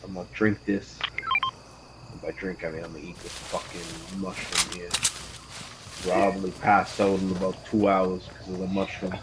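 A man with a low, flat voice streams a shooter game at normal speed, swearing constantly and loudly trash-talking other players in casual chat. Heavy noise surrounds him, with loud in-game gunfire and vehicle sounds behind his voice.

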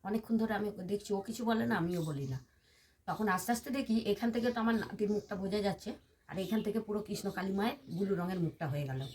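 With a mid-range, darkish voice and a fast way of talking, an older temple devotee from West Bengal, India, tells an interviewer her personal story. She recounts events earnestly and in detail, repeating many quotes from others.

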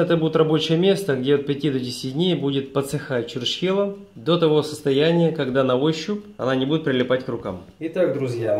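A man with an Odesa accent narrates a cooking show's recipe voice-over in a medium-pitched, darkish voice. He addresses viewers in a folksy, chatty way, and the recording has a roomy echo.

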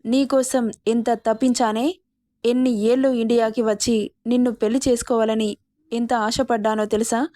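A woman's voice: fairly high pitch, little pitch movement, normal speed, mellow, no echo, close to an everyday voice. A woman voicing a young, hot-tempered man who reproaches the woman he loves, in a spoken Telugu love story. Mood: hurt.

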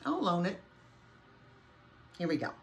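A woman's voice: on the low side, wildly swooping pitch, unhurried, a little hiss or hum. A woman teaching a music lesson, explaining a name game in a chatty way while getting over a summer cold. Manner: chatty, switches to singing solfege.

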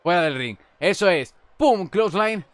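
A young man with a Spanish accent gives lively commentary on a wrestling video game. His voice sits high, and he breaks into loud exclamations at the big moves. The close mic sounds dry, with no room echo. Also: normal speed. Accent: Spain Spanish. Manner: exclaims loudly at big moves, chats casually. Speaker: gameplay commentator.

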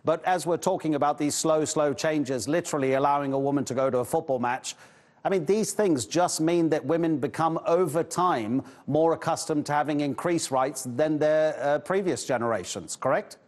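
A male news anchor in a large TV studio, asking brisk, leading questions in a studio interview. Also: fairly high pitch, a little mellow.

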